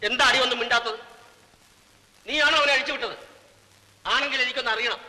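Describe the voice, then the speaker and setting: A man's voice: extremely high pitch, fairly even intonation, fairly quick, bright, forceful tone, heavily acted. An actor playing a stern middle-aged foreman who harshly scolds and accuses a woman, in an old film soundtrack with long reverb. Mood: scolding.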